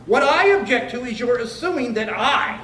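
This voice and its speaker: Male actor as stuffy, long-winded, easily riled mayor for vintage radio comedy; strikingly high voice, echoey hall sound. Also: lively intonation, a bit bright, recorded from a distance. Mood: indignant. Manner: stuffy, wordy, halting. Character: pompous, formal male small-town mayor, easily exasperated. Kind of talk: old-time radio comedy acting before an audience. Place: clubhouse hall, live radio play performance. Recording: echoey live hall, off mic, noisy.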